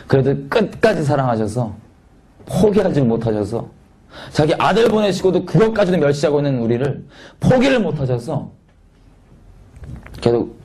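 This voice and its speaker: A man from Korea preaching a sermon in a conversational, animated way, swinging from loud peaks to quiet asides. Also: medium pitch.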